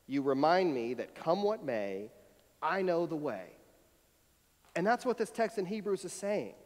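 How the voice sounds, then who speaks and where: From a church pulpit, a man in his thirties with a voice on the high side and a little mellow preaches in a reflective, story-driven way. The American pastor keeps it conversational and personal, and the sanctuary adds a long hall reverb.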